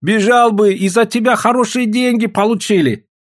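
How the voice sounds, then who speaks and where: A man's voice: high voice, normal speed, voice pushed up, natural voice. A male narrator voicing a small, cruel policeman who jeers and gloats at prisoners. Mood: mocking. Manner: jeering, gloating.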